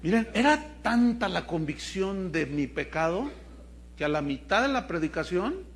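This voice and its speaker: A man's voice: sits high, expressive, moderate pace, a little hiss or hum. A middle-aged man with a Mexican accent, preaching a sermon as pastor and telling stories in the voices of the people in them. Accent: Mexican Spanish. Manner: storytelling, acts out the people in his anecdotes. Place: church congregation.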